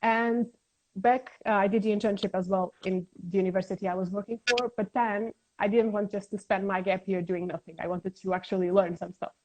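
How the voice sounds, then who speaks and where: A young woman from Portugal, speaking as an interview guest over a video call in a measured, thoughtful way with frequent fillers. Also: medium pitch, fairly even intonation, a little mellow, slight background noise, low-quality recording. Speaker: guest, science communicator.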